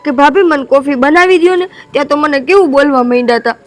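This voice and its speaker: A woman's voice: high-pitched, quick pace, close to an everyday voice. A woman playing a tearful young wife. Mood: tearful complaint. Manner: soft, tearful complaining. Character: hurt young wife, insulted by sister-in-law. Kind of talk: family drama acting.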